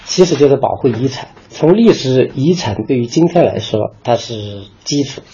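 A male university dean of architecture answers interview questions in a formal, lecturing manner. His voice is gravelly, very husky and dark in tone. The recording sounds slightly dull. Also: mid-range voice, expressive, moderate pace.

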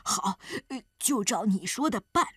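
A woman's voice: on the high side, expressive, takes it slowly, fairly bright tone, husky, dry recording, studio quality, far from the mic, exaggerated voice. A woman voicing a greedy, hot-tempered rich old landlord in a children's storybook reading, grunting before his lines. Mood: dismayed. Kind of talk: storybook character voice.

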